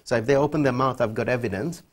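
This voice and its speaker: Speaking at a quick pace in a mid-range voice, a middle-aged man with a Fiji Indian accent appears as a human rights official in a TV studio interview. His answers are emphatic, articulate and formal, picked up on a lapel mic.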